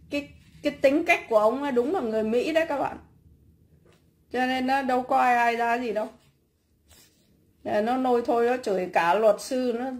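A blunt, scornful woman rants on a casual livestream from her home. Her voice sits a little high, and she stumbles over repeated fillers while she works on cakes in her kitchen. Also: a little mellow. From Vietnam.

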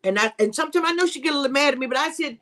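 Emphatic woman preacher, higher voice. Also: animated, rapid-fire, pushed and bright. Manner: repetitive, emphatic, conversational preaching; greets viewers by name mid-talk. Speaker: host and Bible teacher. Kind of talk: live-streamed devotional teaching.

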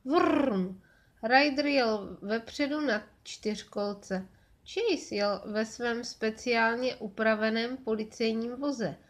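A woman reads a children's story aloud in a clear, measured way. Her voice sits a little high and keeps an even storytelling pace. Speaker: audiobook narrator.

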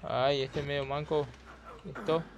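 A young man with an Argentine Spanish accent giving excitable horror let's play commentary, swearing freely and letting out jumpy yelps. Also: medium pitch, measured pace, slight background noise. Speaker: gamer.

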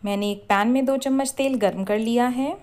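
A woman hosting a cooking channel, giving clear step-by-step recipe instructions in a scripted voice-over. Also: on the high side, a little fast, heavy background noise. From India.

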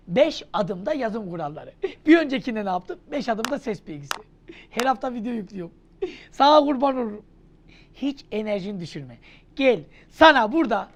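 A woman teaching an exam-prep lesson in a theatrical, comedic way, often shouting and mixing mock insults with endearments. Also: mid-range voice.

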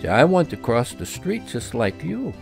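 A man voicing a lively young female traveler with a lame leg, exclaiming and teasing. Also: mid-range voice, measured pace, creaky, soft background music. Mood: chatty. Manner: exclaiming, teasing, uses Spanish words.

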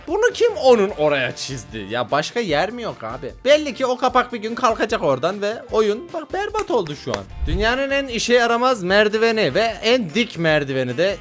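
High, animated man ranting in jest. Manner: incredulous, sarcastic ranting with frequent laughs. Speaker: reaction video host. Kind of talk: comic reaction commentary.

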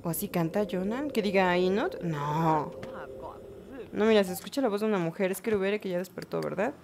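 A woman giving casual let's-play commentary, chatting to her game characters with bursts of excited exclamations. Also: medium pitch, a little fast, gravelly. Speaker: gaming channel host.

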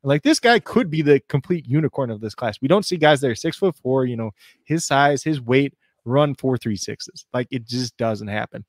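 A man on a podcast panel arguing a fantasy football pick, quick and animated, packed with stats. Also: medium pitch, no room sound, clean studio sound. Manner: fast, stat-heavy, animated arguing. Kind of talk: casual fantasy football chat.

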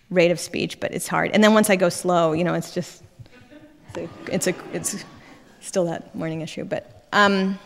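A woman gives a public lecture with a fairly low voice and a quick, conversational delivery full of asides. She speaks into a wireless mic. Her voice carries a long reverb from the lecture hall. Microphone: wireless microphone.

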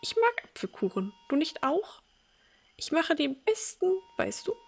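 A woman's voice: high-pitched, big pitch swings, a little slow, creaky, pitched above the performer's own voice, full character voice. Woman doing a doting, forgetful old mother. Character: confused elderly mother, gentle then frightened.

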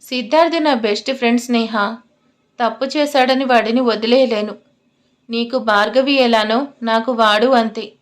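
A woman reading a gentle young man pleading. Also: a little high, steady tone, moderate pace, lightly acted. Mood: earnest. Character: young man, caring loyal friend.

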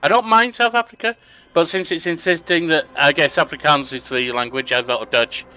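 An older Englishman, a gaming YouTuber, narrates a management video game from a desk in a room at home, reading questions aloud and answering them himself in a casual let's-play style. His voice is on the high side, brisk, pushed, and bright, with a clean tone.

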